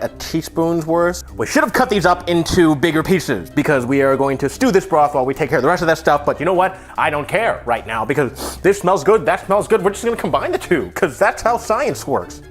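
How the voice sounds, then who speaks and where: A man hosting a comedy cooking video, chatting casually through the steps in a rambling, self-deprecating way with offhand asides. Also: on the high side. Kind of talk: casual cooking demonstration chat.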